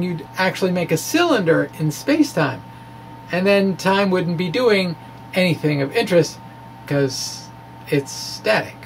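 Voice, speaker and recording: Over poor audio carrying slight hiss or hum, a man with a high voice dramatically reads his own physics blog. He presents physics puzzles as an informal explainer, adding asides and using quirky, emphatic wording.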